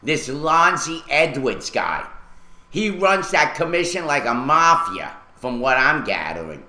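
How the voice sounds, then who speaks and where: A man's voice: medium pitch, very animated, measured pace, pushed and bright, reverberant, low-quality recording. A man hosting a radio talk show, ranting angrily and swearing at local officials. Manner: furious, profane, ranting. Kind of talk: angry on-air rant.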